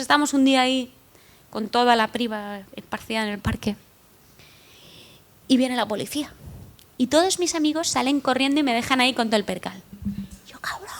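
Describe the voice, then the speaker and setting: A young woman with a Madrid Spanish accent giving a humorous talk on stage. She tells personal stories in a chatty, joking, self-deprecating way and turns to the audience with asides. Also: a little high. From Spain (Madrid). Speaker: conference speaker. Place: conference stage before an audience.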